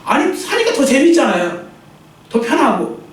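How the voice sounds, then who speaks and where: A man with a high voice preaches to a congregation, pressing his points hard and slipping into the voices of troubled people. He sounds far from the mic, caught in a very echoey church hall. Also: big pitch swings, moderate pace, a little hiss or hum. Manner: emphatic, acts out quoted inner voices. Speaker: pastor. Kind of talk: sermon. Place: church sanctuary.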